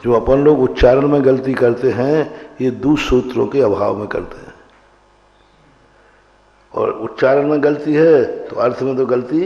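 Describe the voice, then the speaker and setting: Slow-paced man teaching in an echoey hall. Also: mid-range voice, warm tone. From India. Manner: questions the class and answers himself, repeats words slowly to model pronunciation. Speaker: monk teaching Sanskrit grammar. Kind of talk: classroom lecture. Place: large hall. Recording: echoey hall, dull lo-fi broadcast sound.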